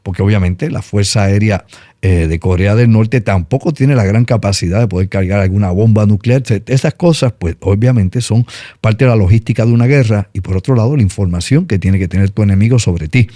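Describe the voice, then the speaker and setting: Briskly and mellowly, a middle-aged man from Puerto Rico with a lowish voice comments on global politics, his Puerto Rican Spanish accent clear. As a news commentator, he speaks casually but emphatically in talk-show style, recorded at studio quality with no echo.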